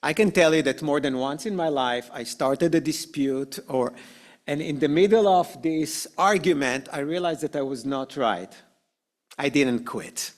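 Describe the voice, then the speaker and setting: A man teaching an adult education class in a slow, conversational way, often checking with "okay?" and asking the group questions. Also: fairly high pitch. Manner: frequent "okay?" and "right?" checks, many "uh" fillers. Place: synagogue classroom.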